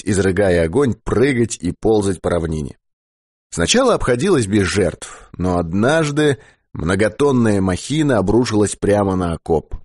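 Male audiobook narrator, low husky voice, lively pitch, dry close sound. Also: dry recording. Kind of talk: audiobook reading of science fiction.

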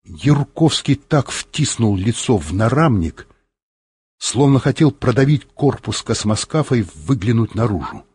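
A man reads a story aloud in an expressive, animated way, with his pitch moving freely through the lines. His voice is husky and breathy. The recording is close and completely dry. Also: measured pace, no room sound. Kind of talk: audiobook narration.

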